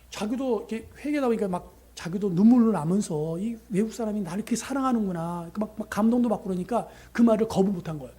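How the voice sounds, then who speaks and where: A middle-aged man preaching as a pastor, telling a story with animated delivery and acting out the prayers and dialogue in it. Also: high voice, slight background noise. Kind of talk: sermon with storytelling.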